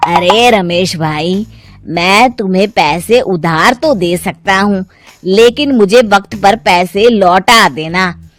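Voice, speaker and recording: A woman voicing a cautious male office colleague who gives measured advice in an animated moral story. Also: mid-range voice, no echo, soft background music, lightly acted. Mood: cautious, advising. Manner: measured, advising. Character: cautious male office friend, lending reluctantly.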